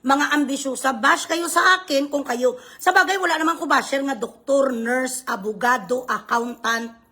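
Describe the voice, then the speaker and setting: A woman hurls insults in a profane livestream tirade, and sometimes she shouts. Her voice is high and bright, with a hard, forceful edge. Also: moderate pace. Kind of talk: angry livestream rant.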